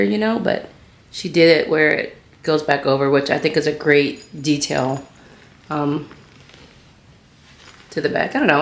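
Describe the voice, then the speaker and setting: Craft vlogger, woman, low-pitched with a hoarse smoker's rasp, bubbly and chatty, roomy sound. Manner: bubbly, gushing. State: hoarse from being sick. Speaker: host of bag-sewing tutorials. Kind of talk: casual chatty craft vlog. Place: small indoor craft studio. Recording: roomy echo, background hiss.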